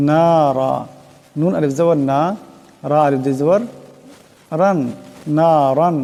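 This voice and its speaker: A man teaching Quran recitation, spelling out each word and chanting the verses slowly. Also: fairly high pitch, warm tone, in a large hall. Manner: slow melodic chanting of verses, quick plain explaining.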